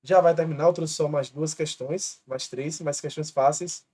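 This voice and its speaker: A man's voice: on the high side, fairly even intonation, normal speed, mellow. A man with a Brazilian Portuguese accent teaching an online grammar lesson, patiently spelling out rules step by step. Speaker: exam-prep teacher.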